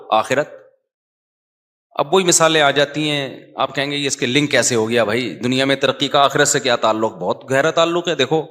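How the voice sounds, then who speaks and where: A man's voice: on the high side, a bit bright. A man in his forties from Pakistan, a mufti giving a conversational religious lecture to a live audience over a microphone. He wanders off on tangents and chants Arabic verses before explaining them.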